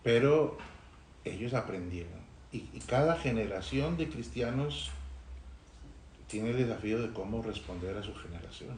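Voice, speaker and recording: A man from Rica, sharing thoughtfully in a Bible study discussion, pausing and restarting. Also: medium pitch, lively intonation, darkish tone, a little hiss or hum. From Costa Rica. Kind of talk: reflective group discussion. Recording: roomy recording.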